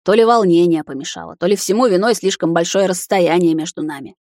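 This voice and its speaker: A woman's voice: on the low side, fairly quick, a little mellow, dry recording, clean studio sound, close to an everyday voice. A woman voicing a sympathetic vampire uncle who explains kindly, in a storybook reading.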